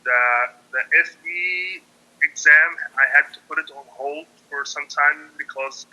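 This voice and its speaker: A man's voice: on the high side, unhurried, sharp tone, low-quality recording. A young man from Qatar, a laid-off engineer, talking hesitantly with many fillers and restarts over a call. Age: young adult. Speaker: laid-off engineer seeking career advice.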